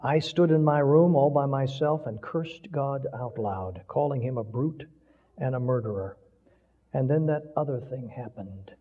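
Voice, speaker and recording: A man voicing a dying older man tormented by guilt, speaking hoarsely in a weak, broken, hushed voice. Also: mid-range voice, a little slow, natural voice. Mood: grieving. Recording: dull lo-fi recording with long hall reverb.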